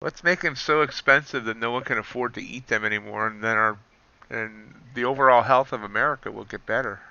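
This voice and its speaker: A man's voice: medium pitch, a little fast, creaky, bright, forceful tone, clean tone, no echo, dull audio. A man commenting on his live futures trades, wry and self-deprecating, reading out prices as they move. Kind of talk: live trading commentary, thinking aloud.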